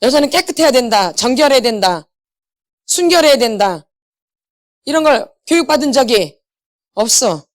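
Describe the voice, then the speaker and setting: A woman's voice: fairly high pitch, expressive, moderate pace, pauses often. A middle-aged woman lecturing at a church healing seminar, emphatic, quizzing her audience and slipping into blunt casual speech. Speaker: inner healing ministry lecturer. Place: church meeting hall.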